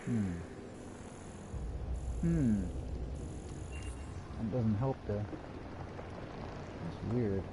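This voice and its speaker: A man's voice: on the low side, extremely slow, long pauses, background noise. A man streaming a game live, muttering to himself as he plays and drifting into rambling stories. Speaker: gaming streamer. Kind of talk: live gameplay commentary.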